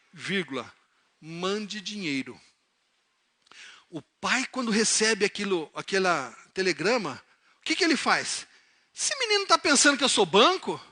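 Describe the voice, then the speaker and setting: A man from the São preaching in a church, his voice high-pitched and bright. He moves from soft, low storytelling into loud, emphatic calls to his listeners. He acts out the characters in his stories as he goes. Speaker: pastor. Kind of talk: sermon with illustrative stories. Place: church service, live-streamed.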